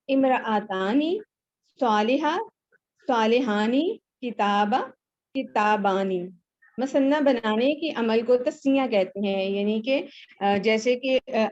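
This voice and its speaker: Woman student reader, slow and careful, dull call audio. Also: a little high, a little mellow. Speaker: student reading aloud. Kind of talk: reading a lesson aloud in class. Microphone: video call.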